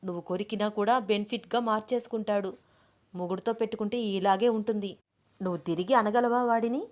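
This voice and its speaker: A woman's voice: medium pitch, fairly even intonation, a little fast, darkish tone, close to an everyday voice. A woman voicing a cheerful teasing elder sister. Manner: teasing, light-hearted.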